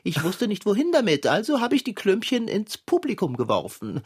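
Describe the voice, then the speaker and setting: A vain, theatrical tomcat with lofty manners, as a woman plays him in a children's audio drama. The voice is husky and breathy, and it swings widely in pitch, dramatizing every complaint. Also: huge pitch swings, normal speed, a little mellow. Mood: gleeful. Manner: haughty, affected and mannered speech. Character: vain pompous male tomcat, theatrical and fussy.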